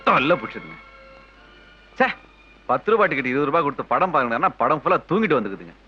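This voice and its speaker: A man's voice: medium pitch, sing-song, slightly rough, lo-fi sound, faint music behind. An actor playing a thrifty, irritable middle-aged father who scolds his family and grumbles about money. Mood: grumbling. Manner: grumbling, scolding, quick-tempered. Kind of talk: film scene acting.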